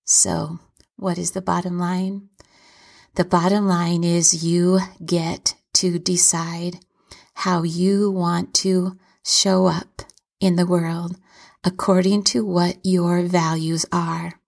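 A woman giving a calm, reflective motivational talk, often dropping into soft whispers. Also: fairly low pitch, slow pace, vocal fry. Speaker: self-help speaker.

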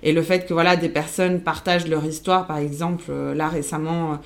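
A woman's voice: sits low, little pitch movement, brisk. A young woman from Argentina whose first language is Spanish, talking in an interview with many hesitations and restarts. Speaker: senior account manager. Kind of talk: casual interview.

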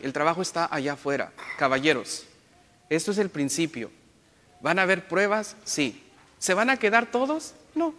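High, bright-voiced priest with a playful homily. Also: male voice. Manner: playful, jokey asides and self-corrections; imitates other people's accents. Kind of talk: Sunday homily. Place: church. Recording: long church reverb.

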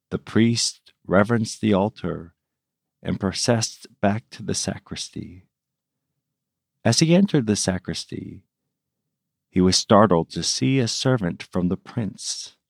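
Slow, reverent male storyteller. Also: lowish voice, gravelly, no room sound, clean studio sound. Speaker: priest and storyteller host. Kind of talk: scripted story narration.

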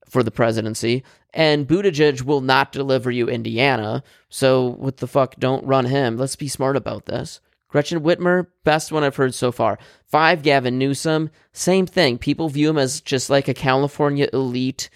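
A man with a gravelly, creaky voice talks politics in a casual, opinionated way, swearing freely. He rambles through fillers and restarts. The sound is close and dry, with no room around it. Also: medium pitch, dry recording.

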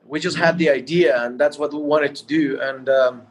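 A man explaining things in an interview as a guest entrepreneur, halting and repeating words as he goes. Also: a little high, steady tone, husky. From Mexico.

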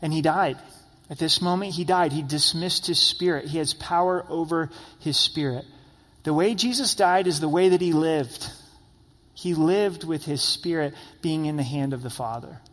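A man's voice: fairly high pitch, normal speed, a bit bright, long reverb tail. A male pastor giving a sermon in a conversational, storytelling way, often asking "right?" and repeating phrases for emphasis.

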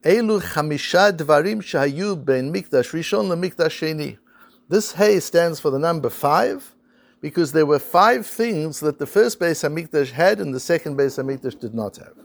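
A man's voice: a little high, animated, creaky, dry recording. A man teaching a Talmud lesson, reading Hebrew and Aramaic quotes, translating them and asking rhetorical questions. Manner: explains slowly, reads Hebrew and Aramaic quotes then translates. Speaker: Torah teacher.

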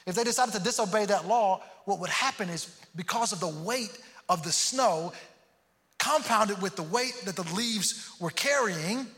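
A pastor from Houston, Texas, preaches a sermon earnestly, often repeating words as he begins a thought. His voice is high-pitched, expressive and sharp, at a moderate pace. The recording carries a long hall reverb.

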